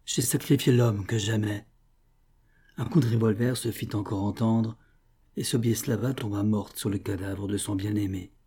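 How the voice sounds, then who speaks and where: A man reading a novella as scripted narration, measured and solemn. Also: fairly low pitch, mellow, breathy edge. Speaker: audiobook reader.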